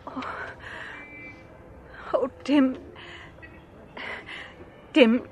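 In a noisy old recording of a Dutch radio play, an actress voices Linda West, an anxious young woman searching for her brother. Her high, mellow voice has fairly even intonation and drawn-out words, and she sounds shaken, earnest and hesitant.

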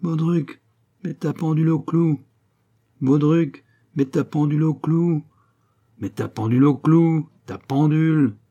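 A man's voice: medium pitch, normal speed, dark tone, slightly rough, dull audio. A man voicing a pipe-smoking young male art student who badgers his friend over and over. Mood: nagging. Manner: insistent, repetitive badgering.

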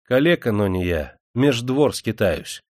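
A man's voice: lowish voice, sing-song, measured pace, a little mellow, dry recording. Guy reading as a poor crippled serf girl, mournful, pleading, dry voice. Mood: plaintive. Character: crippled young serf woman, plaintive.

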